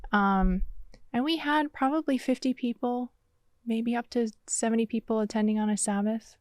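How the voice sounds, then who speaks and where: A woman's voice: fairly high pitch, steady tone, moderate pace, darkish tone, no echo. A middle-aged woman from Vermont, a church mission director, answering interview questions in careful, detailed explanations. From Vermont, USA. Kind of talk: conversational interview.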